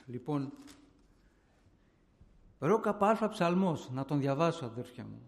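A man's voice: fairly high pitch, very animated, creaky. A man preaching a fervent testimony sermon to his congregation, often repeating his phrases and calling his listeners brothers and sisters.

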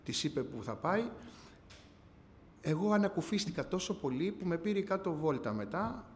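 A man giving a personal testimony to a church gathering, telling his story earnestly, often rising and falling in pitch and loudness. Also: very animated. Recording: long hall reverb, faint background noise.

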